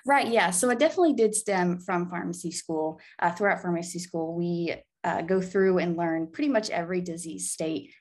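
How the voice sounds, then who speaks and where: Speaking at normal speed with few pauses, a twenties-aged American woman from Arkansas gives cheerful, sincere, conversational answers as an interview guest. Her pitch sits fairly low, and she is a pharmacy student who also holds a pageant title.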